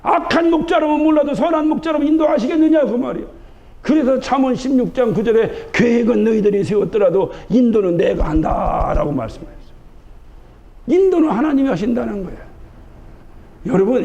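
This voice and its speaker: A man's voice: very high-pitched, warm tone. A man from Chungcheong preaching a sermon as pastor, driving his points home with rhetorical questions in a church sanctuary. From Chungcheong, Korea. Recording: dull broadcast recording of a church service.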